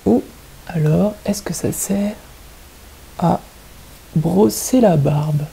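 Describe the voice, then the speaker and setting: A woman's voice: fairly low pitch, extremely slow, vocal fry, dark tone, breathy edge, rough recording. A woman teaching kindergarten children, patiently stressing each word and syllable. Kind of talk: teaching young children at home.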